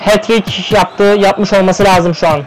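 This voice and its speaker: High-voiced excitable male game commentator. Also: crowd noise, rough recording. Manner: rapid-fire calling of player names, excited outbursts. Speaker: play-by-play commentator. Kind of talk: live esports play-by-play commentary.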